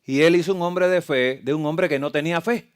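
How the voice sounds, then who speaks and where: A man's voice: fairly high pitch, a little fast, clear, resonant tone. A man preaching a sermon that mixes medical slides with scripture, asking the congregation frequent rhetorical questions. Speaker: preacher and health lecturer. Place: church camp meeting.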